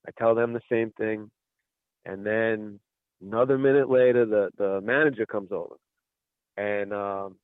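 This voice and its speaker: A man's voice: lowish voice, no echo. A male caller on a radio call-in show, telling a long story and acting out what each person said. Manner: rambling storyteller who acts out quoted exchanges. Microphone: telephone. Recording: tinny phone line, dry.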